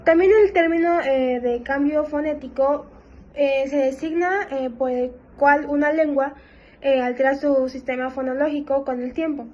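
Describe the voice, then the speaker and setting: High-pitched woman reading her part, lots of "eh" pauses, muffled sound. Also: steady tone, darkish tone. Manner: many "eh" fillers between phrases. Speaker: student presenter. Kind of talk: reading a class presentation.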